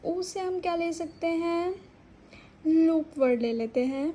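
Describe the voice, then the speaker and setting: A woman's voice: very high voice, takes it slowly, warm tone, a little hiss or hum, poor audio. A young woman teaching a shorthand lesson, patiently repeating words to sound out each vowel. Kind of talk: explaining a stenography lesson.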